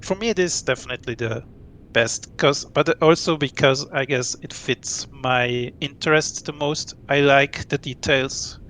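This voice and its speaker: A man from Switzerland in his late thirties, a guest speaking casually and thoughtfully, pausing to recall details and laughing often. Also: mid-range voice, a bit bright, a little hiss or hum. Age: late 30s. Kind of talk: casual interview.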